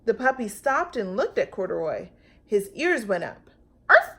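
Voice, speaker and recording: With a voice of medium pitch, this storytime host reads a kids' picture book aloud, narrating expressively, lingering on words and tossing in playful sound effects.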